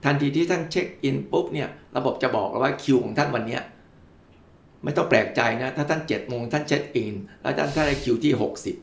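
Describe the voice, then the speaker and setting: A man's voice: medium pitch, fast, gravelly. An older male physician from Thailand, a guest in an interview, explaining with worked examples and politely addressing the listeners.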